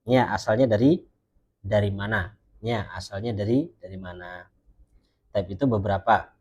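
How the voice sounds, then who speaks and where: A man teaching Arabic grammar in an online class, who explains patiently and says example phrases slowly and carefully. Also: mid-range voice, darkish tone.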